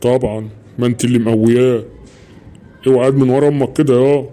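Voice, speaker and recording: A man voicing a gruff, quick-tempered middle-aged Egyptian father in a cartoon, grumbling and scolding his son in an Egyptian Arabic accent. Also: medium pitch, fairly even intonation, dark tone, close to an everyday voice. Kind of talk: cartoon voice acting.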